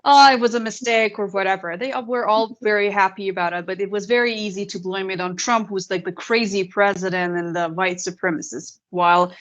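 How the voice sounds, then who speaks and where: A woman speaks as a podcast guest at a middle pitch. Her talk is hesitant and full of filler words, and the remote call audio sounds dull and lo-fi. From Iran. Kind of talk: casual political chat.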